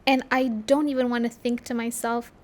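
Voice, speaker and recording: A woman, co-hosting a podcast in casual, animated chat. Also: a little high, normal speed. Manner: animated, playful storyteller. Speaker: podcast co-host.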